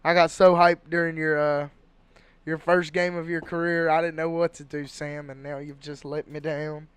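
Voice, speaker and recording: An excitable man rambles through his sports picks on a casual podcast. His voice is fairly high and crisp, recorded dry and close. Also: no room sound. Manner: excitable, rambling, fast bursts. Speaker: podcast co-host.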